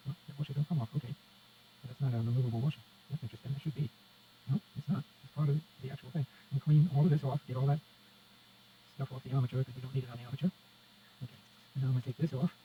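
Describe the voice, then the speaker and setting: At an indoor repair workbench, the host of a radio repair how-to demonstrates hands-on work casually, talking quickly and half to himself as he goes step by step. He has a mid-range voice, and the recording sounds somewhat dull and lo-fi with faint background noise.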